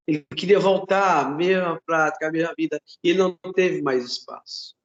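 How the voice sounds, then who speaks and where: Preaching with fervor, this Brazilian man repeats himself and keeps addressing the congregation as brothers while recounting a testimony in his sermon. He speaks at a fairly high pitch and a fairly quick pace, and the audio has its highs cut off.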